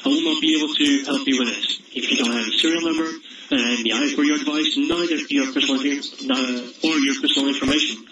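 Fast-talking male support agent on a noisy line. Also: medium pitch, steady tone. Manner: brisk and formal. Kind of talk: phone support call. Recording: distant echoey phone line with loud noise.

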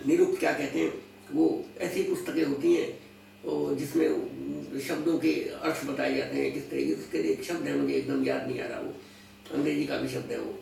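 A man's voice: mid-range voice, expressive, brisk, gravelly, darkish tone. A man being interviewed as an astrology scholar, explaining patiently with everyday examples and slipping English phrases into his speech. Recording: echoey room, voice far from mic, faint noise.

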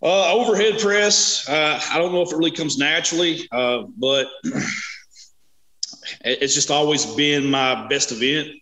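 A man in his thirties from Kentucky, speaking as a guest on a video-call interview in a relaxed way, full of "you know" and "uh". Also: fairly high pitch, a little slow, poor audio. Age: 30s. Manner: easygoing, many fillers like "you know" and "uh". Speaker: interview guest, strongman competitor. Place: small home room. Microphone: webcam on video call.

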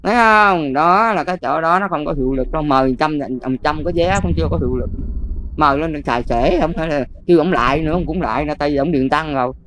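An older Buddhist nun with a Southern Vietnamese accent, talking casually and emphatically, often checking whether the listener follows. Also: female voice, low-pitched, fast talker, a little hiss or hum. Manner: emphatic, keeps checking "see?". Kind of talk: casual advice talk.

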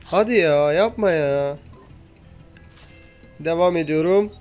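A man's voice: fairly high pitch, slow, a little mellow, lo-fi sound, soft background music. A young man giving casual gameplay commentary, impatiently pleading and coaxing the game as he plays. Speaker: gaming YouTuber.

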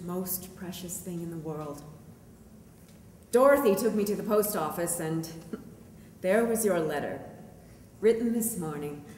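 A middle-aged woman playing a devoted, wry painter, giving a theatrical, dramatic reading of her love letters with deliberate pauses. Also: mid-range voice, lightly acted. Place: indoor art gallery. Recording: echoey hall reverb, noticeable room noise.

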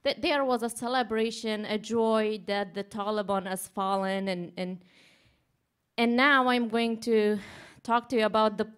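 A young woman from Afghanistan speaking at a podium microphone in a large conference hall, with many pauses and restarts. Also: on the high side, fairly even intonation, smooth. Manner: hesitant, many ums and restarts. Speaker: advocacy manager. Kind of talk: conference speech.

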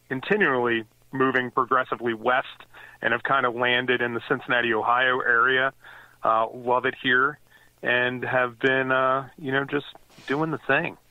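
A man in his forties from the US East Coast, medium-pitched, chats casually as a guest author in an interview. He rambles with many fillers and restarts. The sound is dry and tinny, like a phone line, with no room sound.

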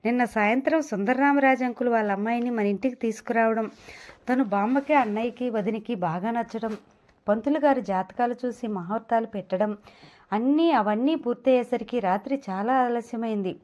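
A woman's voice: on the high side, a little mellow, close to an everyday voice. A woman voicing a flustered, anxious young man who is about to be married, reading audio novel dialogue. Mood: pleading. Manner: flustered, rushing and pleading. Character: anxious young male groom, pleading.

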